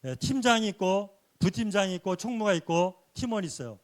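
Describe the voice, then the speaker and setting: A man giving a sermon-like church lecture, earnestly explaining points and dropping a soft affirming "yes" between phrases. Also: high-pitched, expressive, fairly quick. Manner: earnest, explanatory teaching with rhetorical questions.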